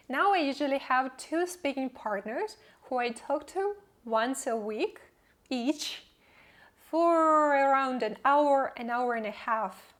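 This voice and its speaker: High-voiced woman vlogging in English. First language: not English. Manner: reflective, upbeat, laughs between points. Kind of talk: personal vlog narration.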